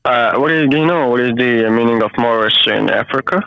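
A man's voice: mid-range voice, a little fast, gravelly, smooth. Indian-accented man on a dull phone line. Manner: hesitant, repeats words when pressed. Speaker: scam caller. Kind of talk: scripted sales pitch on a phone call. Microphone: phone call.

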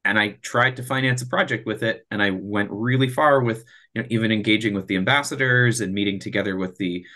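A space project developer in his thirties gives an earnest, explanatory answer during a presentation and Q&A on a video call, frequently restarting his words. He speaks from a small home or office room through a computer microphone, his voice on the low side, a little fast with few pauses, bright and forceful.

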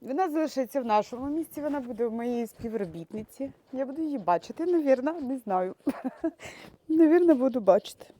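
A woman's voice: high-pitched, animated, fairly quick, mellow. A Ukrainian woman dog breeder, tearful, cooing baby talk to her puppies in an emotional vlog. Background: dogs.

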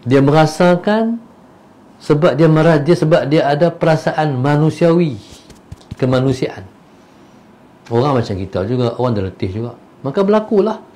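A religious teacher tells a story in his lecture with lively energy. He shifts between sudden loud bursts and quiet, murmured asides. He slips briefly into the voices of the characters as he goes. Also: on the high side. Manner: animated, acts out the characters' voices.

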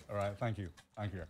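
A man's voice: lowish voice, darkish tone. A young man in casual stream banter, laughing and teasing. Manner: laughing, teasing, keeps asking for butter. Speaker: podcast co-host.

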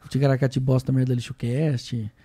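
A man's voice: mid-range voice, flat delivery, brisk, mellow, breathy edge. A man with a Brazilian accent in casual podcast chat, rambling and joking with sudden exclamations and swearing. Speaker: podcast guest comedian.

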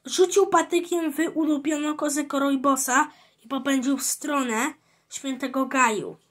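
A woman reading a children's storybook aloud, halting, with slips and restarts. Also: sits high, fairly even intonation, fairly bright tone. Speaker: reader.

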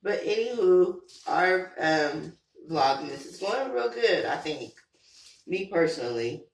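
A woman hosting a casual vlog, hoarse from being sick, chatty and full of questions for her viewers. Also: lowish voice, expressive, slow. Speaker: vlog host. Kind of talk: casual chat. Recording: roomy echo, from far off the mic, faint noise.

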